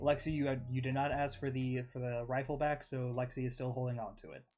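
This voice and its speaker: A man's voice: mid-range voice, steady tone, darkish tone, soft background music. A man running a tabletop game as game master, often stopping and restarting his sentences. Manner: halting, restarts mid-sentence.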